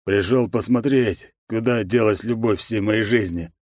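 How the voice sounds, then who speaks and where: Brief: male narrator as a low, slow-drawling thug husband, crude and sarcastic. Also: darkish tone, no room sound, studio quality, close to an everyday voice. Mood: gruff. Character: rough adult male hitman, jealous husband.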